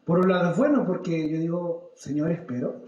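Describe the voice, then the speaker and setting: A man's voice: high voice, fairly quick, muffled recording, a little hiss or hum. A man, a pastor giving a sermon, telling stories from his own life and asking the congregation questions. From Chile. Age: 30s. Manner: animated storytelling, acts out his own prayers and questions the congregation. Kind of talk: church sermon. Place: church service. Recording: echoey church hall.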